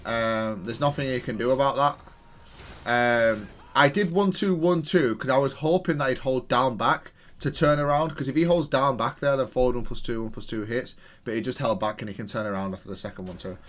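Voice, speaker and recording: A video game player and content creator offers casual, analytical commentary while reviewing his own play, thinking aloud and correcting himself. His medium-pitched voice is fairly bright and fairly quick.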